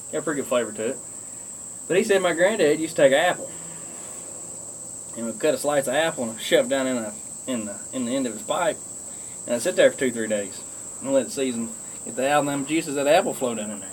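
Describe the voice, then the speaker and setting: Puffing on a pipe, this Kentucky man chats casually with viewers in a wandering, drawling country manner. His voice is medium-pitched, and the rough recording carries slight background noise.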